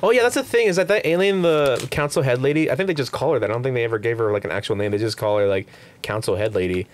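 A young man who talks quickly and eagerly, sharing trivia in a casual chat. He is recorded in a home basement on a mic on a stand. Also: medium pitch. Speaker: podcast co-host. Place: home basement room with posters.

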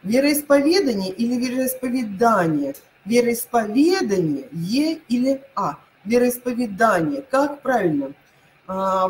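A woman teacher giving an online lesson, repeating each word pair slowly and hesitating often. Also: medium pitch, a little hiss or hum, poor audio.

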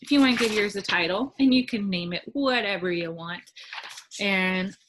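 A woman music teacher giving a patient lesson to her class, counting rhythms in syllables and often pausing with "um". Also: mid-range voice, a bit bright, a little hiss or hum. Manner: patient, with frequent ums.

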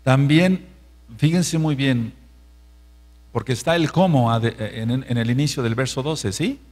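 Mexican pastor guy preaching a bible study, mid-pitched voice, repeats himself a lot, keeps checking the crowd gets it. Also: a little slow, a little mellow. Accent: Mexican Spanish. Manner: emphatic, repeats phrases, asks the congregation questions. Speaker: pastor teaching Torah study. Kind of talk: sermon-style Bible study.

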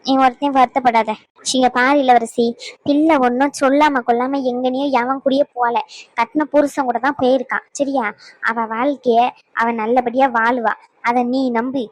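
A woman voicing a stern lecturing mother-in-law. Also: sits high. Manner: lecturing, scolding. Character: stern middle-aged mother-in-law scolding family. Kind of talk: Tamil cartoon drama voice acting.

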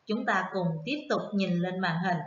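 A woman primary school teacher giving an online math lesson to first graders, counting aloud slowly and prompting the children to repeat after her. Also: mid-range voice, roomy sound, highs cut off.

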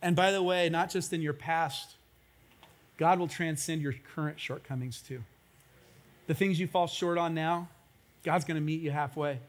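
A man preaching a sermon from a church stage. He speaks in an informal, earnest way, uses a high, youthful surfer-kid voice, and often says "like" and "um". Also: steady tone, moderate pace, long pauses. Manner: informal and earnest, acts out his own prayers. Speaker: pastor. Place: church sanctuary.

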